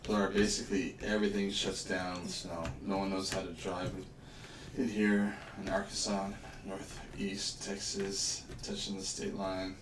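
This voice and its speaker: Low-voiced man, distant and echoey. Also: level tone, normal speed. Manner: easygoing, joking, grumbles playfully. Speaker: livestream co-host. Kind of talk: casual chat while puzzling. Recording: echoey room, distant mic, noisy.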